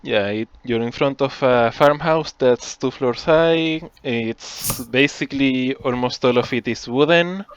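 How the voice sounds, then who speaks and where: A man narrating as game master, describing scenes in a slow, casual way. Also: medium pitch, clean tone, no room sound, muffled recording.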